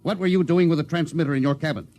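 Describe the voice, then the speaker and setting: An actor playing a stern, authoritative spaceship captain in a 1950s radio drama. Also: male voice, on the high side, fast, a little mellow, lightly acted. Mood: stern, suspicious. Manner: authoritative, clipped, interrogating. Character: stern, commanding, hot-tempered spaceship captain. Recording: vintage radio recording, faint background noise.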